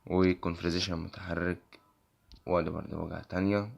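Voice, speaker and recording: A young man with an Egyptian accent and a worn, hoarse voice walks through an app on screen, quickly asking "okay?" after nearly every phrase. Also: low voice, flat delivery, highs cut off. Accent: Egyptian Arabic. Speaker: tech channel host. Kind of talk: casual screen-recording walkthrough.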